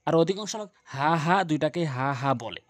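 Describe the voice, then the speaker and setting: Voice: mid-range voice, animated, no echo. A Quran recitation teacher giving a pronunciation lesson, patiently explaining tongue and mouth positions and drilling each letter sound over and over. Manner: slow drilling, repeating letter sounds to demonstrate.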